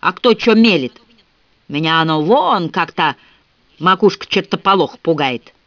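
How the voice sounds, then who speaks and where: A man's voice: fairly high pitch, expressive, a little slow, sharp tone, no room sound, exaggerated voice. A man playing a surly, grumbling old rustic with a wooden leg. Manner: gruff, grumbling. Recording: dull, dry lo-fi recording.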